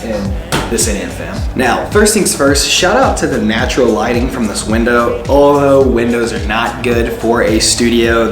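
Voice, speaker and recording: A man hosting a casual, explanatory vlog in an informal way, recorded in a bare room with a hallway-like echo. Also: fairly low pitch. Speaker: host, musician and YouTuber. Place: indoors, bare untreated room being made a studio.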